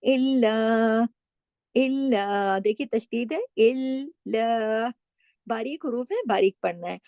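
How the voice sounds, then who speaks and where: A woman's voice: a little high, moderate pace, gravelly, dark tone, no room sound. A middle-aged woman teaching recitation rules, explaining patiently and asking and answering her own questions. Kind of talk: explaining tajweed rules, with slow recited examples.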